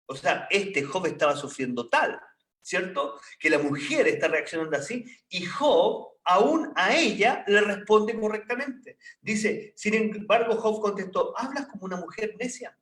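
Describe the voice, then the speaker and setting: A man's voice: high-pitched, animated, unhurried, a bit bright, roomy sound, recorded from a distance. A man preaching a sermon in a conversational way, often asking his listeners questions.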